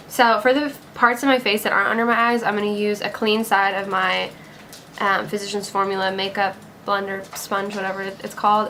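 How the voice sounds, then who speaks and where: A woman's voice: mid-range voice, a bit bright, a little hiss or hum. A young woman talking casually through a makeup tutorial, upbeat and chatty, full of "like" and "gonna". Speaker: beauty vlogger.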